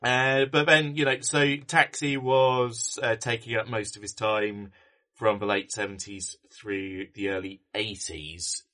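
Man, podcast co-host, lowish pitch, bright tone, rambling. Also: steady tone, unhurried. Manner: rambling, many ums and restarts. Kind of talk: casual film chat.

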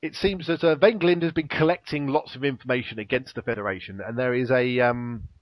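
A man's voice: medium pitch, a little fast, no echo. Man casually recapping a story, dull lo-fi audio. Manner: rambling storytelling with fillers and frequent chuckles. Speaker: podcast co-host recapping an episode. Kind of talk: casual chat, episode recap.

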